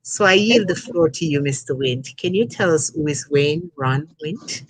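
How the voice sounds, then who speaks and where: A woman's voice: low-pitched, lively intonation, moderate pace, no echo, poor audio. Polite woman hosting an online panel. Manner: polite, formal, handles technical hiccups. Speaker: host.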